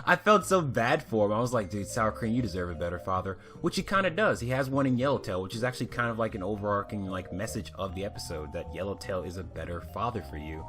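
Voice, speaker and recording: A man's voice: on the low side, quick pace, hardly any pauses, a bit bright, soft background music. A man reviewing a cartoon in a casual, rambling rant, swearing freely and filling his talk with "like". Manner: rambling, profane, fillers.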